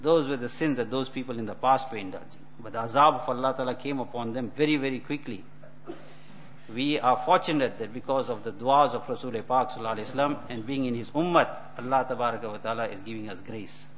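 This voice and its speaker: Higher-voiced male preacher, muffled recording. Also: a bit bright. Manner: admonishing, deliberate phrasing with repeated points. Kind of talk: religious lecture explaining a text. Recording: dull lo-fi audio, faint noise.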